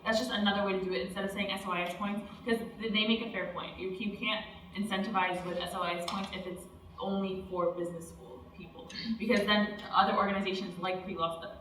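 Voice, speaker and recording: A woman's voice: medium pitch, flat delivery, fast talker, a bit bright, a little hiss or hum. A woman student government officer talking persuasively in a meeting discussion. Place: meeting room. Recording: echoey room from far off.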